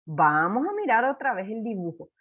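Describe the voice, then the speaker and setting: A woman teaching a first-grade class, slow and encouraging, spelling words out for young children. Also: mid-range voice, sing-song, narrow, tinny audio. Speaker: primary school teacher.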